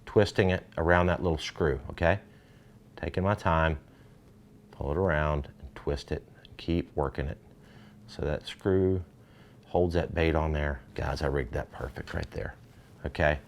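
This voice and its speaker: A middle-aged man, hosting a fishing gear demo in an energetic, salesy way. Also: very deep voice, unhurried, long pauses, a little hiss or hum. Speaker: fishing show host. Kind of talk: product demo talk.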